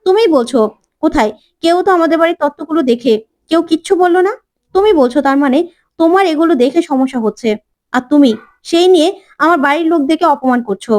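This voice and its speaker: A woman voicing a calm, dignified young bride who speaks in a measured, pointed way. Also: high-pitched, voice pushed up, natural voice.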